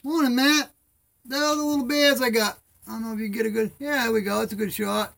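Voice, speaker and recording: A man with a strikingly high voice chats casually to his live stream. His words have the soft, slightly slurred shape of toothless speech, with lips closing over the gums. He rambles along in a friendly, buddy-to-buddy way. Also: fairly even intonation, quick pace, gravelly.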